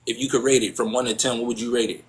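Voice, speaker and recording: Male podcast co-host, relaxed slangy talker who stretches his words. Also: mid-range voice, background noise. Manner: laid-back slangy banter, drawn-out words. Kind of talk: casual podcast chat.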